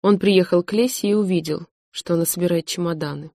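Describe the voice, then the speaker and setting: A woman narrating an audiobook novel in an even, measured storytelling manner. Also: lowish voice, dry recording, clean studio sound. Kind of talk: scripted narration.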